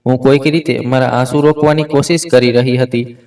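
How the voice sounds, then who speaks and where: A man reading a scripted first-person family story in an even, steady way. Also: medium pitch, a little fast, recorded from a distance, low-quality recording.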